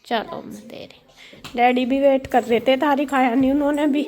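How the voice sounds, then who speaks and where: A woman's voice: sits high, fairly even intonation, normal speed, a little mellow. A woman, a mother chatting and teasing her kids while serving food at home for a vlog. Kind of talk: casual home vlog chat. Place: family home kitchen.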